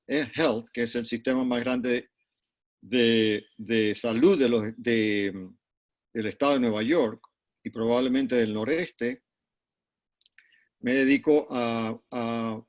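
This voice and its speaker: A middle-aged man from Panama answers interview questions over a video call in a mid-range voice. He speaks in a measured way, often restarting and repeating words as he thinks. The audio is muffled and lo-fi. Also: mid-range voice. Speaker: neurologist and guest.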